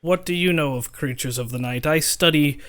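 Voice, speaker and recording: A man voicing a doctor character in a tabletop role-playing game, speaking in a measured, slightly formal way. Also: a little high, fairly bright tone. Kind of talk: in-character improvised role-play.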